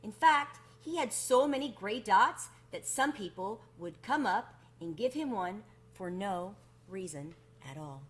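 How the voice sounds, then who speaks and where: A woman with a mid-range voice tells a story from a children's picture book. She reads expressively and deliberately, and she stretches out her emphasis.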